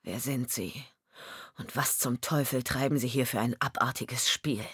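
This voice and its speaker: A woman's voice: on the low side, slow, husky, dry recording, studio quality. A woman reading an audiobook, voicing a bewildered, hostile husband who questions coldly. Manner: cold, suspicious questioning.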